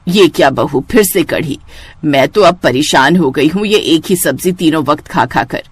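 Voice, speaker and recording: एक महिला, कहानी में शिकायत करती, डाँटती बुज़ुर्ग सास की आवाज़ करती हुई।. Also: female voice, low-pitched, expressive, moderate pace, husky, voice pushed down. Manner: complaining, dramatic. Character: scolding elderly mother-in-law.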